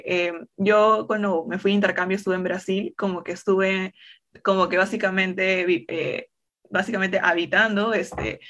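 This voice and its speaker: A young woman co-hosting a casual talk show, relaxed and conversational. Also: mid-range voice. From Peru. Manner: relaxed, conversational, with many fillers. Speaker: co-host.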